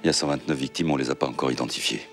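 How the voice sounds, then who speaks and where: An actor playing a middle-aged French president who barks curt orders in a period TV drama. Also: male voice, extremely low pitch, faint music behind. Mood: brusque. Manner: gives brisk orders, gruff. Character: older male president, commanding, curt, under strain. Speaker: President of the Republic.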